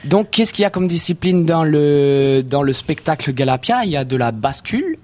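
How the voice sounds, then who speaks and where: Southern French man, slightly high voice. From southern France. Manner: relaxed, halting, many fillers and restarts. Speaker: circus performer. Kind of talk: casual radio interview.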